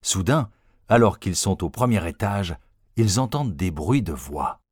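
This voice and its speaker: A man reading a storybook text aloud in an expressive, deliberate way. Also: low-pitched, breathy edge, dry recording, studio quality. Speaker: reader.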